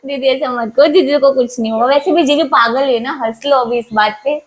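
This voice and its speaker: A woman's voice: high-pitched, a little fast, close to an everyday voice. An actress playing a cheeky young sister-in-law who soothes and teases her sister and drops in English phrases. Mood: teasing. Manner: teasing, chatty, mixes in English phrases.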